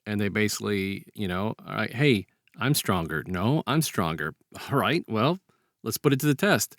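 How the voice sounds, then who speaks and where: This man co-hosts a podcast, spinning casual, rambling stories in colloquial language and voicing brief quotes. His lowish voice has lively intonation and a bit of brightness, delivered at a moderate pace in clean studio sound with no room echo.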